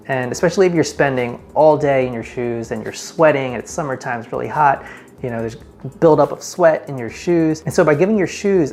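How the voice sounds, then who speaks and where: A man's voice: medium pitch, vocal fry, darkish tone. A man hosting a men's style video, presenting tips in a casual vlogger manner with direct address and emphatic numbered points. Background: faint background music.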